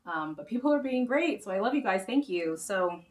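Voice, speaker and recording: On her own music show, a woman chats informally with viewers in a rambling way, frequently restarting. She speaks at normal speed with a medium pitch and lively intonation, her voice a bit worn and slightly going. The recording sounds roomy, the mic is distant, and there's faint guitar.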